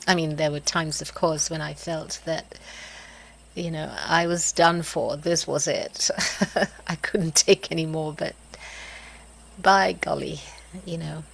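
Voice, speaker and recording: A middle-aged woman talks through a personal reflection very slowly, with long pauses between short phrases. Her voice sits a little low and has a gravelly, creaky edge. She sighs and laughs softly as she searches for words. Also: fairly even intonation, rough recording. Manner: halting, pausing, with soft laughs and sighs. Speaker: host of a reflective video series.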